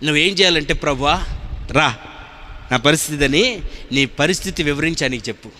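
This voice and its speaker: A man preaching a sermon as pastor, emphatic, moving from hushed asides to shouted peaks. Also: on the high side, fairly quick. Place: church hall. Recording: long reverb of a church hall, faint noise.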